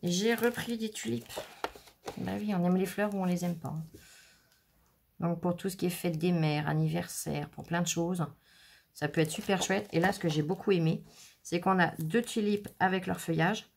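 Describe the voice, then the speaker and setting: A woman's voice: lowish voice, steady tone, normal speed, vocal fry, a little hiss or hum. A woman chatting casually through a scrapbooking stamp haul, showing items one by one with frequent fillers. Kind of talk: casual haul video commentary.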